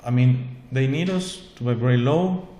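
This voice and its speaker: Earnest and rambling, a non-native English-speaking host offers a spiritual monologue to camera on his own show, often repeating himself and asking "okay?". His mid-range voice is mellow and a touch slow. Faint ambient noise fills the echoey room.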